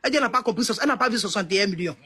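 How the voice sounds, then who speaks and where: A woman's voice: mid-range voice, expressive, rapid-fire, pushed and bright, husky. A middle-aged woman with an Ivorian French accent, giving emotional testimony in an emphatic, repetitive way. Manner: emphatic, repetitive, proverb-laden. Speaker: interviewee, family member of a deceased man.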